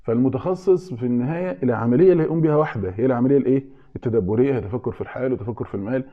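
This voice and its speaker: A man's voice: mid-range voice, very fast, phone-quality sound. A man with an Egyptian accent giving an informal religious lesson, often asking his listeners questions and answering them himself. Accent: Egyptian Arabic. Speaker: religious teacher.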